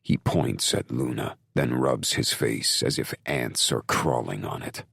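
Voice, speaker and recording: A man narrates a gothic audiobook in the first person with a brooding, intense delivery. His voice is extremely deep and gravelly with a husky edge, and he takes his time. The recording is dry and close. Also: a little slow, a bit bright, dry recording.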